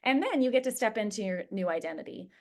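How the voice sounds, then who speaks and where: A woman's voice: fairly high pitch, lively intonation, fast talker. Chatty woman coaching a habits group. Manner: chatty, many fillers and "like". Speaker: wellness coach. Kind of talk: casual group coaching talk.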